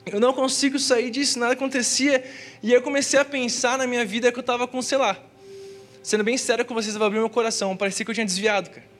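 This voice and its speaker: Young Brazilian male youth preacher, high voice, slangy and earnest, sermon in a church. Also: fairly even intonation, fast, a bit bright, soft background music. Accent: Brazilian Portuguese. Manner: slangy and earnest, peppered with "cara" and "velho". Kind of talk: casual testimony sermon.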